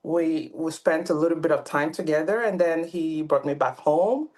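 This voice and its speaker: A Cameroonian woman in her thirties talks casually as a podcast guest in an interview, using many fillers and restarting often. Her voice is deep and darkish in tone, at a normal speed.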